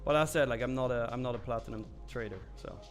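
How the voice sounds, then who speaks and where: Hosting a live trading stream, a Swiss man answers viewers' comments at a quick pace in a mid-range voice. Faint music sits behind his loose, candid chatter, which is full of fillers and the occasional curse.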